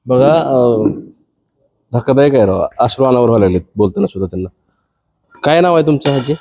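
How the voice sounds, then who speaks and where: A male field reporter interviewing elderly residents, asking gently and consoling them. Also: mid-range voice, animated, fairly quick. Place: old age home.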